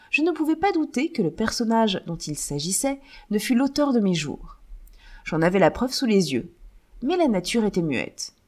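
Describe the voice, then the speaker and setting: A woman narrating a classic novel as an audiobook, in a poised, measured first-person telling. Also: fairly low pitch, a little mellow.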